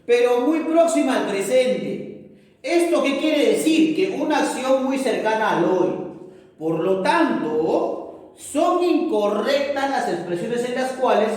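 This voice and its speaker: A male teacher giving a grammar lesson, slowly reciting verb forms and checking understanding after almost every phrase. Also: extremely high pitch, animated, darkish tone. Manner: tags nearly every phrase with "¿no es cierto?" and "¿correcto?". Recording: echoey hall, mic far off.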